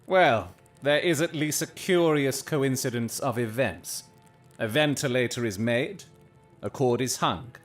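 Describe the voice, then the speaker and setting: An actor playing a keen, commanding gentleman detective in an audio drama, speaking in deliberate, formal, dramatic phrases. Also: medium pitch, natural voice. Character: Sherlock Holmes, keen, commanding, coolly reasoning gentleman detective.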